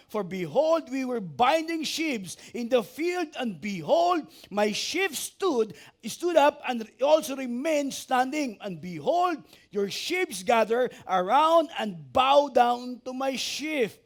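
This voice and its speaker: A man, a pastor preaching an animated sermon, asking the congregation for amens and joking with them. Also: extremely high pitch. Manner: animated preaching, asks the church for amens and jokes with it.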